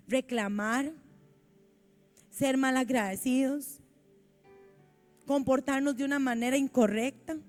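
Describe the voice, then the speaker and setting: A woman with a Costa Rican accent preaching a sermon in a church, reading scripture aloud and commenting on it fervently. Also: sits high.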